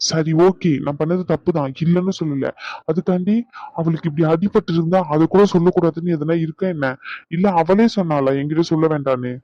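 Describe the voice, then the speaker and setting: A young grandson, as a man voices him in a cartoon, coaxing and pleading in a fairly high voice. The recording is slightly muffled and dry. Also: a little fast, no room sound, lightly acted.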